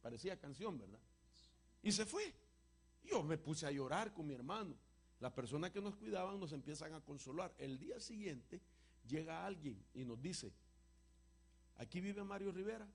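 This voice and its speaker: Gravelly-voiced man preaching a testimony. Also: fairly high pitch, big pitch swings, moderate pace. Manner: emotional storyteller, voice swings from loud to hushed. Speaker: apostle answering congregation questions.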